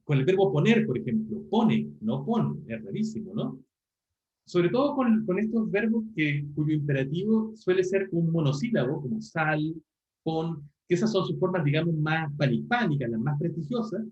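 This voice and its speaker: A man's voice: fairly high pitch, sing-song, moderate pace, darkish tone, roomy sound, highs cut off. A man, teaching an online class and explaining step by step, often repeating words as he thinks. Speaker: university language teacher.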